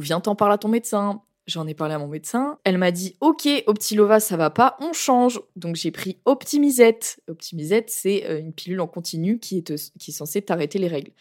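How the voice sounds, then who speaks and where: A young woman hosting a podcast, telling personal stories casually and candidly in exasperated slang, her voice roughened by a cold. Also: lowish voice, dark tone. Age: young adult. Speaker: podcast host.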